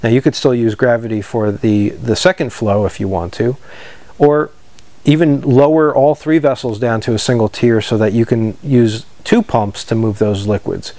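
A man in his thirties explains equipment choices in a steady, practical way, like a shop owner teaching customers. His voice sits at an ordinary middle pitch. The sound is dry, with no room echo. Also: moderate pace. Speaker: homebrew equipment seller. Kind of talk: instructional product talk to camera. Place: indoor parts store room with shelves.

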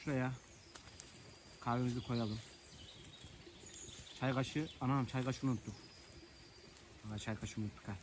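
A man's voice: mid-range voice, fairly even intonation, unhurried, long pauses, noisy background. A man vlogging outdoors in the countryside, chatting and joking with viewers while he lights a fire. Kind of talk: casual chat to camera. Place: outdoors in rural nature.

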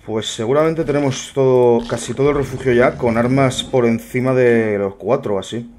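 A man's voice: medium pitch, normal speed, a little mellow, a little hiss or hum. A young man muttering wry commentary to himself while playing a game. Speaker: gameplay streamer. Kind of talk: casual gameplay commentary.

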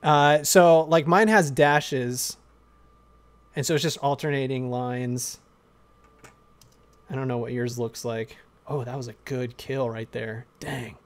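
A man with a hoarse voice chatting casually on a live stream, rambling and reading chat aloud. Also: medium pitch, steady tone, slow, long pauses.

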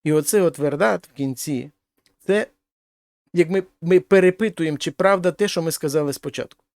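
A man's voice: fairly high pitch, moderate pace, creaky, darkish tone, dry recording. Man teaching a lesson in a dry, close sound. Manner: explains step by step, translating each example. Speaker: Spanish teacher. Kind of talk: explaining grammar in a lesson.

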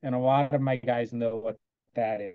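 A man teaching on a video call, casually recounting a classroom lesson and quoting himself with soft asides. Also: medium pitch, steady tone, normal speed, no room sound, phone-quality sound. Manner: conversational, quotes himself often with "I go", soft asides.

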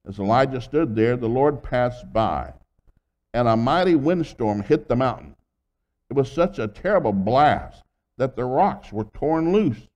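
An older man delivers a folksy sermon, acting out both sides of conversations and dropping from loud bursts to near-whispers. His voice sits at an ordinary male pitch. The recording sounds dull and lo-fi. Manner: folksy storytelling with acted dialogue; animated, swings between loud and hushed. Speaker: guest preacher.

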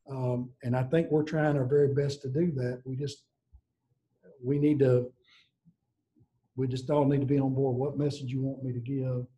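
Over a rough recording, a man with a warm, medium-pitched voice, a school district director, addresses a board meeting via video call from his office. He is earnest but halting, frequently starting his sentences over.

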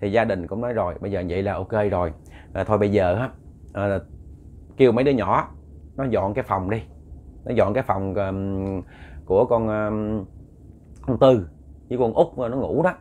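A man's voice: fairly low pitch, normal speed, pauses often, darkish tone, muffled recording. A man with a Southern Vietnamese accent narrates a late-night ghost story. He rambles with fillers and repeated words and speaks directly to his listeners.

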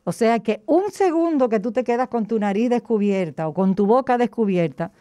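A woman cardiologist explains a health topic with energy and emphasis. Her voice is mellow and warm, muffled by a face mask. The sound is dry and close. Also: a little high, expressive, moderate pace, no echo. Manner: emphatic, speaks with vigor. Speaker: cardiologist, show regular. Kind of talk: casual health talk on air. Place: closed room behind plastic screens.

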